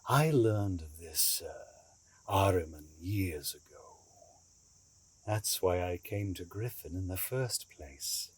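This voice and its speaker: A man voices a crafty runaway from an asylum in an audio drama, speaking in a low, husky, exaggerated voice. He comes across as calmly threatening, theatrical, and condescending, with slow, deliberate, smug intensity.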